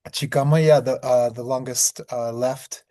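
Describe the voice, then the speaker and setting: A man from Peru, a native Spanish speaker, answering interview questions in a relaxed way, often repeating words as he restarts. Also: medium pitch, moderate pace, dry recording, studio quality. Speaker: guest. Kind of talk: casual interview.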